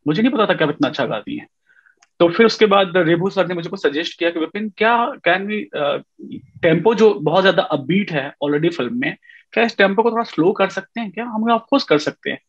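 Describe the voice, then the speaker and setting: A music composer in his thirties joins an interview as a guest over a video call from a room at home, telling his story with plenty of fillers and bits of English mixed in. His voice is high-pitched and husky, brisk with lively intonation. The webcam audio sounds dull and lo-fi.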